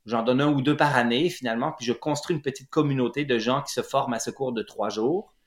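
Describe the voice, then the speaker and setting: In a roomy, echoey space, a middle-aged running clinic founder from Lac-Saint-Jean, Quebec, recounts his story as an interview guest. His Quebec French-accented voice is mid-range and a little fast, with frequent hesitations, fillers and restarts.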